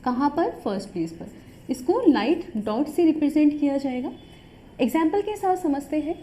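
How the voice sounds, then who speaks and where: High, mellow-voiced woman teaching patiently. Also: lively intonation, moderate pace, slight background noise. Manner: patient, repeats points with frequent "ठीक है" check-ins. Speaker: shorthand teacher. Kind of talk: step-by-step tutorial explanation.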